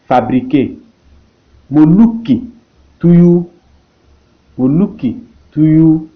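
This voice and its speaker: A man teaching a language lesson, who slowly repeats each example word and phrase. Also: medium pitch, phone-quality sound.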